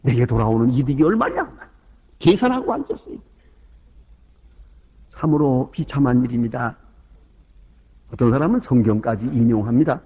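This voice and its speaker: A Korean man preaching a sermon with great passion, moving from loud cries to quiet asides and acting out the people in his stories, on a dull old sermon recording. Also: medium pitch, expressive, normal speed, long pauses. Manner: impassioned, swings from loud exclamations to hushed asides; acts out quoted voices in the story. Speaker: pastor. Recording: dull lo-fi 1998 sermon tape.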